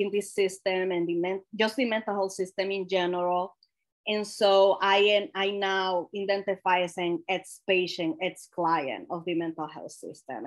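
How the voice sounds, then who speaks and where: This young presenter from the Dominican Republic, a native Spanish speaker, gives a frank, conversational workshop talk in an ordinary mid-range voice. She often restarts and fixes her phrasing, with the odd light laugh.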